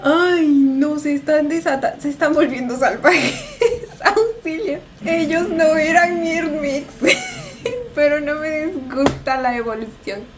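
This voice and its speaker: A woman's voice: high voice, expressive, extremely slow, noisy background. Squealing, laughing woman reacting to a show. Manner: squealing, laughing, exclaiming at the screen. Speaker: reaction video host. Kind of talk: excited reaction commentary.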